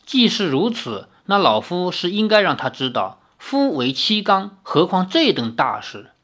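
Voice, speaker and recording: A reader voicing an elderly male healer who speaks in a formal, measured, old-fashioned way. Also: mid-range voice, very animated, a bit bright. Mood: earnest. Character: elderly male village healer, courteous and grave.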